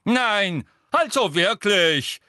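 A man voicing a fussy, indignant old male examiner who protests in a drawn-out, fussy way in an audiobook reading. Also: high voice, big pitch swings, sharp tone, no echo, clean studio sound, pitched above the performer's own voice, exaggerated voice.

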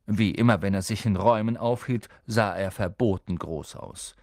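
A man reading an audiobook in expressive, scripted narration on a close mic. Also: on the low side, normal speed, no room sound. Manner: expressive, lively storytelling.

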